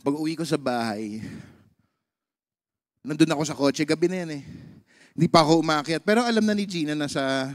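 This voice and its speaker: A male pastor with a Filipino accent preaches and tells a personal story in an animated style, code-switching between Tagalog and English. His voice sits on the high side, and he talks fairly quickly, with long pauses.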